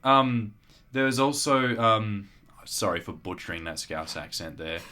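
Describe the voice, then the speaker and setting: An Australian man with a very low, deep voice talks through a casual review chat. He is blunt and opinionated. When he gets worked up he repeats his words. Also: animated, measured pace, bright, forceful tone. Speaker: podcast co-host.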